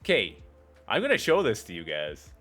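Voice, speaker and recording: Lively low-voiced man mocking fan fiction. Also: moderate pace, soft background music. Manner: mocking, joking asides, laughs often. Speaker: streamer. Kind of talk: reading fan fiction aloud on a live stream.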